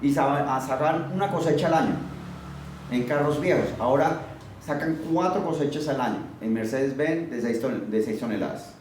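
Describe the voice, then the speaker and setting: A man's voice: medium pitch, moderate pace, darkish tone. A man preaching a sermon emphatically, firing rhetorical questions at his listeners. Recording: very echoey, far from the mic, faint noise.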